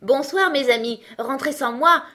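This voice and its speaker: A woman's voice: fairly high pitch, normal speed, close to an everyday voice. A woman voicing a tiny, clever peasant boy with an eager, cheeky way of talking, in a storybook reading. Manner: bright, eager, mocking.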